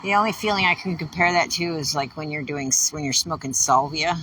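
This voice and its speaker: A woman's voice: low voice, brisk, sharp tone. A woman host rambling through a personal monologue on a road trip, chuckling between thoughts and leaning on fillers. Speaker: podcast host. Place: inside a moving vehicle on a road trip. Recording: distant mic with road noise. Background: vehicle road noise.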